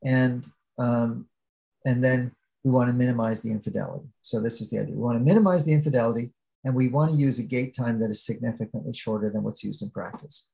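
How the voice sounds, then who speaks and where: A man's voice: mid-range voice, fast talker, vocal fry, mellow, rough recording. A man giving an academic keynote lecture over a video call, explaining step by step with frequent fillers and restarts. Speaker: keynote speaker.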